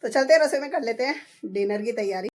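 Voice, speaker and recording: Chatty hoarse woman at home. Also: on the high side, quick pace, a loud crowd. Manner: chatty, narrates her chores step by step. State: hoarse, voice going. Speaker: vlogger. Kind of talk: casual home vlog. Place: at home, indoors.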